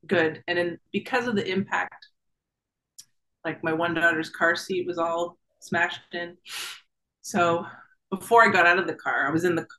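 A woman's voice: fairly low pitch, a bit bright, poor audio. A woman in her thirties recounts her own experience as a guest in casual conversation. She talks in a chatty, vivid way, peppered with fillers, and voices her past thoughts aloud. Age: 30s. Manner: vivid, chatty retelling with many "like"s and acted-out thoughts. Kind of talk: personal storytelling interview.

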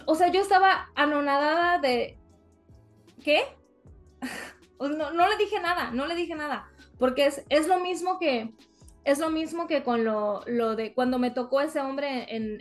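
A woman from Mexico co-hosting a casual podcast chat, telling a story animatedly and acting out what people said. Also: high voice. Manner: animated storytelling, acts out quotes. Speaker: podcast co-host.

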